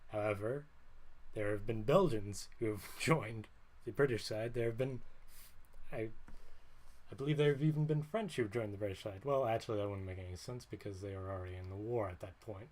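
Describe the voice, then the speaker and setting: A man's voice: fairly low pitch, a little fast, a little mellow. A man streaming, talking in a rambling, wry way and often stopping to correct himself mid-sentence. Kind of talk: casual livestream monologue.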